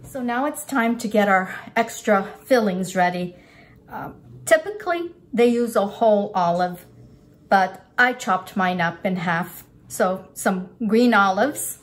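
An older woman, a cooking instructor, gives a casual, unscripted demonstration at a counter in a home-style kitchen, talking through each step as she works. Her voice is medium-pitched and animated at a measured pace. Kitchen clatter and background noise come through clearly.

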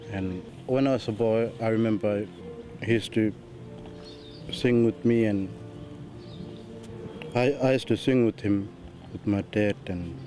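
A man from Central Australia talking in a documentary interview, soft-spoken and halting. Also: lowish voice. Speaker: musician interviewed in a film. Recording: film soundtrack with guitar music.

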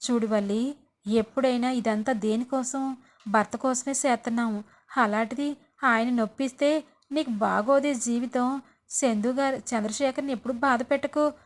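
A woman's voice: on the high side, steady tone, normal speed, close to an everyday voice. A woman voicing a middle-aged mother who sternly scolds and advises her married daughter. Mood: advising.

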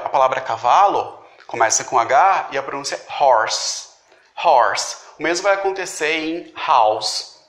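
Man slowly teaching word sounds, echoey room. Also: fairly high pitch, a bit bright. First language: Portuguese. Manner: slow, deliberate repetition of example words. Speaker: pronunciation tutor. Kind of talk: instructional explanation.

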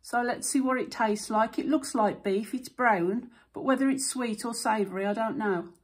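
A woman's voice: on the high side, normal speed, breathy edge. A woman vlogging at home in a casual, chatty way, thinking aloud with fillers as she shows things and tastes food. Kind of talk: casual chat.

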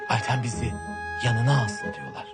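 A man's voice: mid-range voice, expressive, normal speed, over loud music, natural voice. An actor playing a scheming, lazy man who wheedles his wife and brother with melodramatic complaints. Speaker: actor in a TV comedy series.

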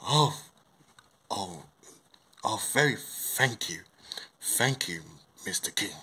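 A man's voice: on the low side, lively intonation, takes it slowly, pushed and bright, slightly rough, voice pushed down, heavily acted. A man voicing a timid, polite bear who loves marmalade, in a homemade puppet show. The bear mumbles in hesitant, broken phrases. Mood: meek.

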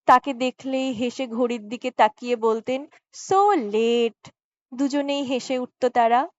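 A woman reading a story aloud in an audiobook narration, slow and softly dramatic. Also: high-pitched, steady tone, no room sound. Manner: slow, soft dramatic reading with acted dialogue. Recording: dry, slightly dull lo-fi recording.

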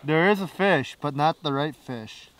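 A man with a slightly high voice talks casually out on a frozen lake, as if to his fishing buddies. His speech is slangy and full of banter. The outdoor recording carries faint noise and clicks. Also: a little slow, fairly bright tone, low-quality recording. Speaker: fishing vlogger. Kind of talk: casual outdoor vlog chat.

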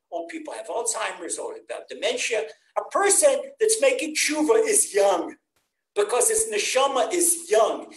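An older man, a rabbi, teaching a weekly Torah class over a video call in an earnest, animated preaching way. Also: high-pitched. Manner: earnest, animated preaching, acting out quoted voices. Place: home room on video call. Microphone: webcam on a video call. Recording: roomy echo on a video call.

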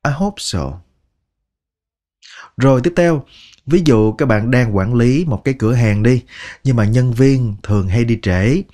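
A man with a Vietnamese accent teaching English phrases, slowly repeating each word one at a time. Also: medium pitch, dark tone. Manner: slow, patient, repeats words one by one. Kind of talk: language lesson narration.

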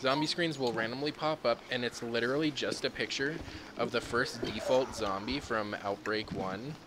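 A man riffs through casual gameplay commentary, animated and full of swearing, at a middling pitch. His home microphone carries a clear bed of noise under the voice. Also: moderate pace. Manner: animated, profane, jokey. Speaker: gaming commentator. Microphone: own desk microphone.

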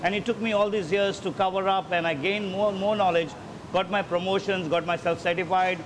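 In a noisy ship galley, an executive chef briskly talks through his kitchen in a casual manner. He speaks in a high, steady voice and keeps repeating words as he pulls his thoughts together.

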